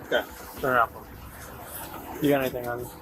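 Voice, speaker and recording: A man's voice: mid-range voice, little pitch movement, fast. A male police officer at a roadside traffic stop, firm and procedural. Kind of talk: bodycam conversation. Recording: noisy outdoor bodycam audio.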